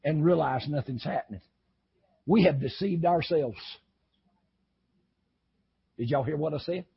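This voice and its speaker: A man preaching an impassioned sermon, swinging from shouting to low, intense talk. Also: a little slow, vocal fry, slightly rough, muffled recording. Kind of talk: fiery sermon.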